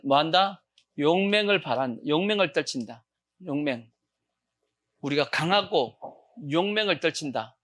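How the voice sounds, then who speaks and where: Male pastor, fairly high voice, preaching in a call-and-response style with sudden loud shouts. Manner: call-and-response questioning of the congregation; bursts into loud acted shouts. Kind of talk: sermon. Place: church sanctuary.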